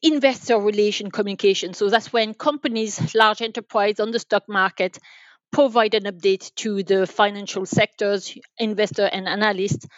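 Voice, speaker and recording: A French woman with a French accent, a telecom sales manager, gives conversational answers as a podcast interview guest. Her mid-range voice is steady at a normal speed, and the recording is muffled with no echo.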